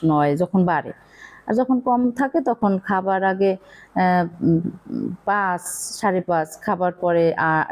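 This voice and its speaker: Barishal-accented woman with a low, mellow voice. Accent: Barishal Bengali. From Bangladesh. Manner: chatty, rambling, confiding, many fillers. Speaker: cooking vlogger. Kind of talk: casual chat while cooking.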